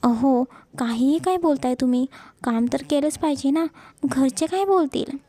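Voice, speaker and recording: A woman voicing a shy young wife who gently scolds her husband in a romance story. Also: high voice, normal speed, no room sound, close to an everyday voice. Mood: scolding. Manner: coaxing, mildly scolding.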